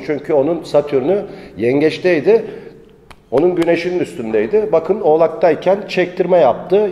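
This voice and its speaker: A man's voice: mid-range voice, mellow. A man, an astrology teacher, gives an informal lecture in a rambling, colloquial and preachy way, often scolding his listeners. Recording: long reverb.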